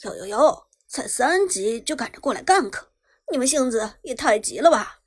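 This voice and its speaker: A woman's voice: fairly high pitch, sing-song, normal speed, slightly rough, no echo, clean studio sound. A woman voicing a sly, mocking male pro gamer who drawls his taunts. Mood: taunting.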